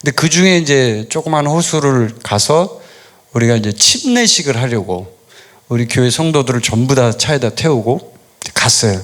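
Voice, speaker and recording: A middle-aged man, a pastor, preaching a sermon in a relaxed storytelling way, asking questions and answering them himself. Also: medium pitch. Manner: storytelling, conversational, asks and answers his own questions. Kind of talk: sermon with personal stories.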